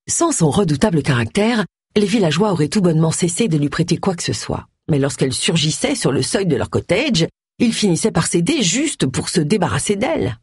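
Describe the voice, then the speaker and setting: A woman narrates an audiobook in a wry, lively storytelling voice. Her voice is husky and lowish, moving widely in tone. The recording is dry and close. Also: a little fast, dry recording. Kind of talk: scripted narration.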